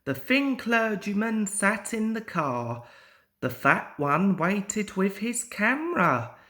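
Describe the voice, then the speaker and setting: A young adult man reads a children's story aloud as an amateur storyteller. He goes very slowly and deliberately, his expressive pitch moving about in a lively way.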